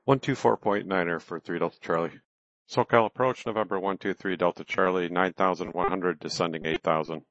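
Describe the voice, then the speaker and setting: Deep-voiced pilot on a cockpit headset. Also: male voice, fairly even intonation, brisk, a bit bright, no room sound. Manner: clipped procedural readbacks. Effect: pilot radio over cockpit headset. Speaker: private pilot. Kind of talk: air traffic radio calls. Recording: dull lo-fi radio transmission.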